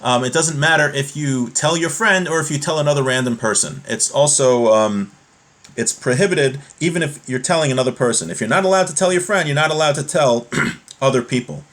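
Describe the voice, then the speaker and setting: A man's slightly fast, fairly bright voice, pitched on the high side, reads passages of religious law aloud and then explains them. His approach is instructional, with repetition, rephrasing and examples for each point.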